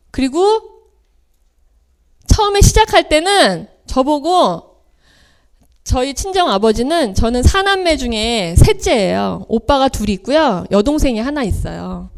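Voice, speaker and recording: A high-voiced woman speaks at a seminar. Her pitch leaps and falls as she tells personal stories, and she slips into the voices of the people she quotes. She is middle-aged and talks in the manner of a motivational speech. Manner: storytelling, acting out quoted family voices with big swings.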